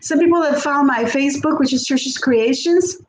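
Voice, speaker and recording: This cooking vlogger, a woman in her fifties from South Texas, talks at a moderate pace in a high-pitched voice with a Texan accent. Streaming live from her home kitchen, she rambles warmly, laughs often and trails off, against a reverberant sound with a bit of hiss or hum.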